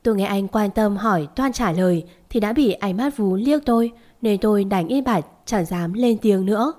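A woman narrating a dramatic first-person story in a steady, plain telling. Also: medium pitch, moderate pace.

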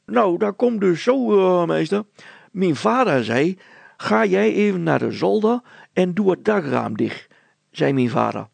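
A man's voice: big pitch swings, unhurried, gravelly, no echo, full character voice. A man voicing a naive, chatty young girl who rambles and hesitates, in a storybook reading. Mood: eager. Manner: hesitant, rambling, loud and high.

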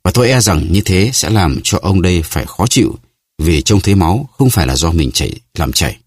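Proud wounded musketeer, measured and grave, read by a man; very low, husky. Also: animated, dry recording, exaggerated voice. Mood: formal. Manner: grave, formal.

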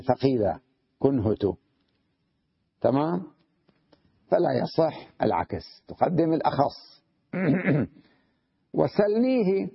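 A man teaching an Arabic grammar lesson, explaining patiently, checking that students follow, and slowly sounding out wrong word forms to contrast them. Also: a little high, gravelly, breathy edge, dry recording, muffled recording. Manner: explains patiently, checks understanding with repeated questions.

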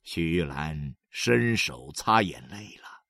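A man narrating an audiobook with a storyteller's measured delivery. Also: rumbling low, animated, gravelly, bright, forceful tone, dry recording, studio quality.

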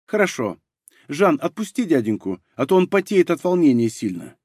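A man's voice: on the high side, very animated, moderate pace, a little mellow, no room sound, clean studio sound. A man voicing a shrewd, sarcastic young woman mage who haggles hard, in an audiobook. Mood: haggling.

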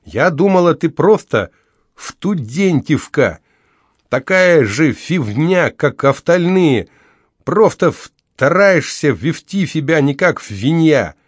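A man's voice: on the high side, big pitch swings, slow, breathy edge, no echo, voice pushed up, heavily acted. A young battered woman with a thick lisp from her missing front teeth, as a male narrator puts her on, speaking bitterly and bluntly. Her voice sits well above the reader's own. The reading is close and dry, with no room sound. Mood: earnest blunt.

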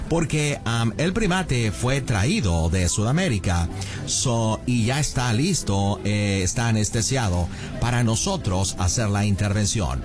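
A man plays an earnest, low-voiced doctor in his Spanish. He explains things haltingly in a prank phone call and drops in English words, with clear music in the background. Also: animated. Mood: earnest, explanatory. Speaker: prank caller.

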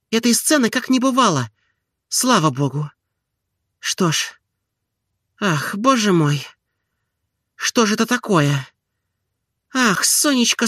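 A man's voice: no room sound, studio quality, full character voice. Olga, a proud young woman voiced by a man. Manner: high, quick and lively, flaring up. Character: young woman, proud, touchy, quick to take offence. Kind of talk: audiobook character reading.

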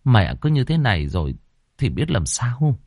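A man's voice: mid-range voice, very animated, moderate pace, creaky, a little mellow, no echo, clean studio sound. A man voicing a worried adult son who pleads with and comforts his mother in a ghost story. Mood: uneasy.

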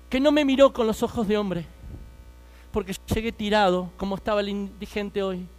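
A man's voice: very high-pitched, darkish tone. A man in his thirties with an Argentine accent, telling his life story as a fervent preaching testimony and speaking straight to his listeners. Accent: Argentine Spanish.

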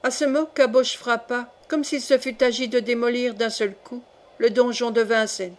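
A woman narrating a classic novel audiobook in a measured, expressive way. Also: a little high.

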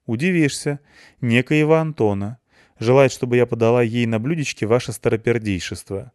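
A mocking young woman gamer, worn out and quick with insults, as a male audiobook reader puts her on. Her voice sits noticeably higher than the reader's own. The recording is dry and close. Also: no room sound, lightly acted. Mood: teasing, grumpy. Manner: sharp-tongued, teasing.

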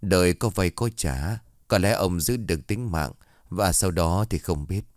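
A man's voice: low voice, measured pace, darkish tone, no room sound, clean studio sound. A man doing a grave old exorcist. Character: stern elderly male exorcist monk.

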